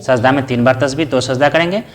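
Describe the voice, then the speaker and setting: A man's voice: medium pitch, fast. A man giving a step-by-step lesson in a patient teaching manner, asking questions and answering them himself and reciting short Arabic prayer phrases. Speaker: religious teacher.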